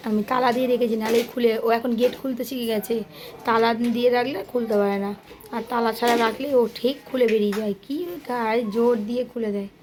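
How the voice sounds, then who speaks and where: A woman's voice: fairly high pitch, flat delivery, quick pace. A woman filming her toddler at home for a casual vlog, coaxing and scolding him while she narrates. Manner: coaxing and scolding a child, exasperated. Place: home, indoors.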